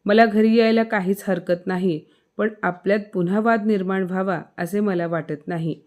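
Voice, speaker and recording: A woman's voice: medium pitch, steady tone, normal speed, a little mellow, close to an everyday voice. A woman voicing a proud, stubborn young wife who speaks with indignation. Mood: indignant.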